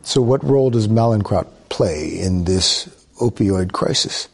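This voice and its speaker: A man's voice: on the low side, lively intonation, a little slow, vocal fry. A man interviewing for an investigative news exposé, with pointed, pressing questions.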